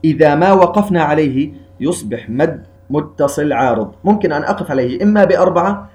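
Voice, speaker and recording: A man's voice: fairly high pitch, animated, a little fast, a little mellow, lo-fi sound. A man with a somewhat raised voice leads a recitation lesson. He moves through each rule step by step and asks questions before answering them. His manner is methodical and instructive. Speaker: Quran recitation teacher.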